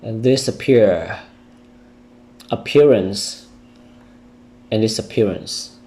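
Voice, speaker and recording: A man with a Vietnamese accent teaching English vocabulary, slowly repeating words to drill their stress. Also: fairly low pitch, dark tone. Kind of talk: vocabulary lesson with pronunciation drills.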